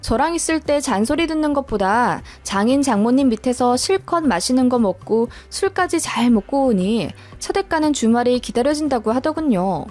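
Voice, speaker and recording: A woman reading a first-person story aloud in a calm, matter-of-fact storytelling manner. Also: on the high side. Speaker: story narrator.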